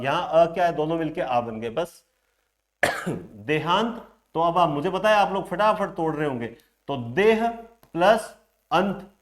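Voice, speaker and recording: A man teaching a grammar class online, explaining step by step and answering his own questions aloud. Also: on the high side.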